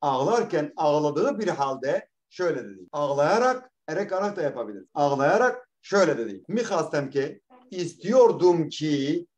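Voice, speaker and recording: A man's voice: on the high side, sing-song, moderate pace, darkish tone. A male teacher explaining step by step. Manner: explains patiently, repeats words, asks questions and answers them. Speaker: language teacher. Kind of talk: classroom lesson, reading and translating a text line by line.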